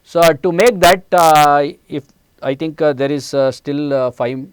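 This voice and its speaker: A man in his forties with an Indian English accent gives a step-by-step programming lecture, full of hesitant fillers. His voice is fairly high and a little slow, with a clean tone and no room sound. It's a classroom-style talk recorded indoors on a studio set.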